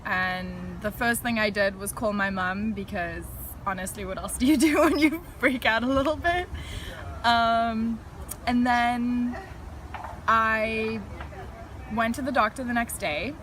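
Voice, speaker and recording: A South African woman in her thirties, a guest in a casual interview, tells her story frankly and chattily, laughing lightly as she recounts it. Her voice is a little high and fairly bright, and she speaks at a slow pace. The recording is rough, with slight background noise.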